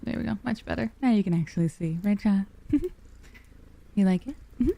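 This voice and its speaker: A woman livestreamer with a soft, cozy storybook voice, chatting casually and affectionately with her viewers, using pet names. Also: medium pitch, expressive, moderate pace, gravelly. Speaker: livestreamer, VTuber.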